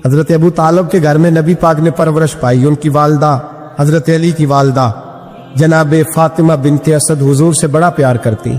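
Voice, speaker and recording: A man's voice: on the high side, fairly even intonation, darkish tone. A man preaching an emotional sermon, telling a story and singing verses in a melodic chant. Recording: long hall reverb with faint music.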